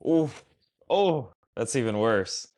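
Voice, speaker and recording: A man's voice: medium pitch, expressive, takes it slowly, darkish tone. A man co-hosting a casual podcast chat, hesitant and restarting his sentences often. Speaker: podcast co-host.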